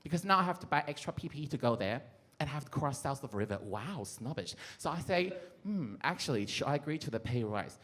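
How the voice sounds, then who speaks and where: Speaking with a Taiwanese accent, this middle-aged man from Taiwan performs lively stand-up comedy in an expressive mid-range voice at a quick pace, now and then bursting into shouts and laughs.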